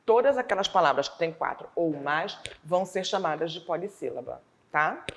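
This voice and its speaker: Patient teacher woman, slightly low voice. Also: expressive. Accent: Rio de Janeiro Portuguese. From Brazil. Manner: slow, deliberate syllable-by-syllable explanation. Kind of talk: online school lesson.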